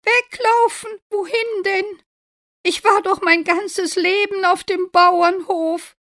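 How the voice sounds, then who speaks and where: A woman voicing an old farm rooster in a storybook reading, crowing and excited. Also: extremely high pitch, slow pace, voice pushed up, exaggerated voice. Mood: startled. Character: old farm rooster, loud, fearful then eager.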